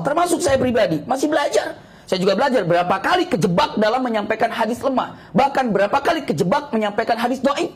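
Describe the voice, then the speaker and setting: Animated preacher man. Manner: animated, repeats words for emphasis, pitch swings up and down; mixes in Arabic phrases. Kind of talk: Islamic sermon to a study circle.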